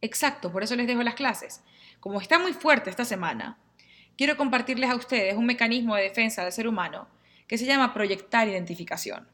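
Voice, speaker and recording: Mujer que explica temas de astrología y psicoterapia a sus seguidores, con tono animado y acento venezolano, imitando diálogos breves. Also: female voice, on the high side, brisk. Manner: lively, acts out little dialogues in quotes. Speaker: astrologer and therapy teacher. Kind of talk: casual explainer to viewers.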